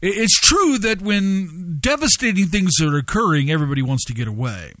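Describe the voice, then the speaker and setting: A man with a somewhat high voice delivers a sermon, reading news aloud and telling stories. He halts often with fillers and leans hard on key words. The sound is dry and close. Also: animated, fairly bright tone, no room sound. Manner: storytelling, halting with many fillers, stressing words.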